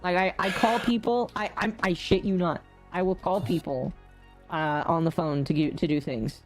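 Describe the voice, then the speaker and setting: A soft-spoken man whose voice runs through a hardware voice changer that shifts it toward a woman's, chatting casually with a guest on his stream. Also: fairly even intonation, moderate pace, over music. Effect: hardware voice changer shifting his pitch toward a low female voice. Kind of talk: casual chat.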